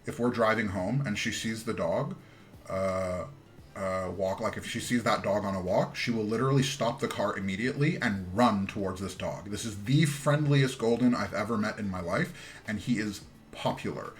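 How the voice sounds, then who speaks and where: A man's voice: fairly low pitch, normal speed. A man in his thirties chatting casually while streaming a keyboard build, telling rambling stories that trail off and restart. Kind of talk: casual live-stream chat.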